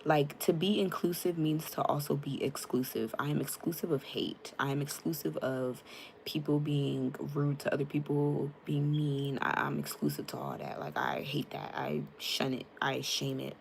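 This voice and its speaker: At a normal speed, a young woman livestreamer from the United States chats frankly with her viewers using a tablet mic, calling them by name and using lots of fillers. Her voice is low-pitched with vocal fry, and a little hiss or hum can be heard.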